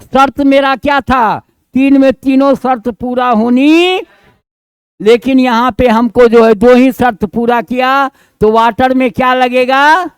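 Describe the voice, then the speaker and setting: In an unhurried, very high-pitched voice with a clear, resonant tone and no echo, a male grammar teacher with a Bihari Hindi accent leads a class. His manner is homely and colloquial, mixing scolding with coaxing, and he keeps students engaged with questions and checks throughout the lesson.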